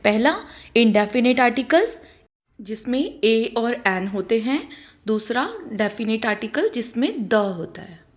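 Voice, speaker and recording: A woman with an Indian accent teaching an English grammar lesson, deliberately spelling out each example sentence. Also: a little high, creaky. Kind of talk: scripted explainer lesson.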